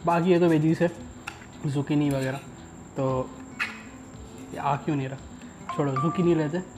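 A man's voice: on the high side, fairly even intonation, a little slow, music in the background. A young man vlogging a casual food review, chatting as he tastes dishes at an outdoor rooftop restaurant. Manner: chatty, tastes and comments between bites.

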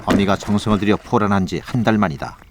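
Low-voiced male nature documentary narrator. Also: fast, background noise. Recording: voice over background music. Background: music.

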